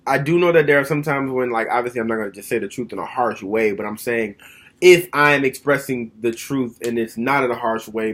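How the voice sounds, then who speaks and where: With a mid-range, slightly bright voice, a man in his thirties talks casually to the camera at home. He's frank and straightforward, reflecting and thinking aloud as he speaks.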